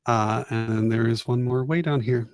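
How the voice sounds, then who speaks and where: A man's voice: medium pitch, normal speed, no echo, clean studio sound. A man narrating and running a tabletop role-playing game in a playful, teasing way. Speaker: game master.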